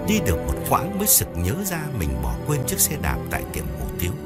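A man narrates an audiobook ghost story, dramatic and expressive. His voice sits low and swings widely in pitch. Music plays softly behind. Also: brisk. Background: soft music.

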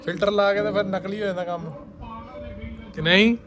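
A man's voice: high-pitched, fairly even intonation, a little fast, a crowd in the background. Punjabi man vlogging casually with a cold. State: has a cold. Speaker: family vlogger. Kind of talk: casual chat to camera and to a child.

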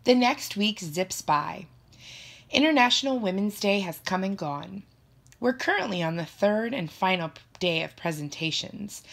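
Expressive woman reading a storybook aloud. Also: fairly low pitch. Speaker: audiobook narrator. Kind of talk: first-person storybook narration.

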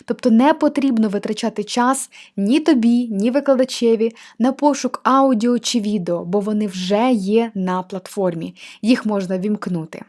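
A woman's voice: fairly high pitch, moderate pace, hardly any pauses, a little mellow. A young woman, a language teacher, gives a friendly step-by-step walkthrough of an interactive course platform. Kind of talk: screen-share walkthrough of a textbook.

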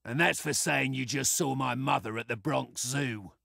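A man playing a cocky, foul-mouthed raccoon space soldier in a video game, a gravelly voice and brash, sarcastic taunts. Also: mid-range voice, moderate pace, sharp tone, no echo, studio quality, heavily acted. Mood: sarcastic, smug.

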